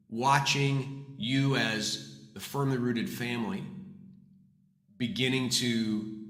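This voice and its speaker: A man's voice: medium pitch, a bit bright. Give me a pastor speaking earnestly into a desk mic in his office, with a big hall echo ringing around his voice. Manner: earnest, encouraging, preacherly. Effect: heavy hall-like echo on the voice. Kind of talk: live morning devotional talk. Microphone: desk microphone streamed online. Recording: echoey reverberant room.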